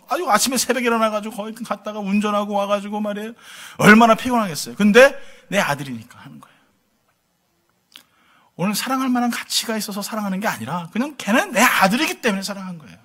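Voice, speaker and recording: A man's voice: high-pitched, pushed and bright. A middle-aged male pastor preaching a sermon in a conversational, humorous way, full of rhetorical questions to the congregation. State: tired from lack of sleep.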